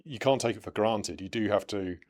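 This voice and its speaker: Man, middle-aged, podcast host, low-pitched, thoughtful, trailing off softly. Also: brisk. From United Kingdom. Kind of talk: casual chat.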